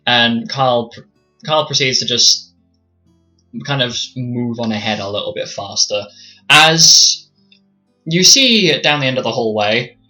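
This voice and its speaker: A man's voice: mid-range voice, expressive, measured pace, long pauses, sharp tone, soft background music, low-quality recording. A man narrating a tabletop roleplaying game as its game master.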